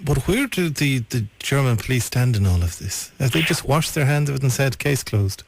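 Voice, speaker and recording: A man's voice: medium pitch, animated, normal speed, creaky, a little hiss or hum. A male radio presenter, interviewing live in an informal, blunt way.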